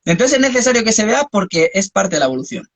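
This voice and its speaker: Man, philosophical musing, slightly raised pitch, dry close sound. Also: big pitch swings, quick pace, dry recording. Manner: philosophical, musing, speaks in long spiritual reflections. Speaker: host. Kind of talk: reflective conversation.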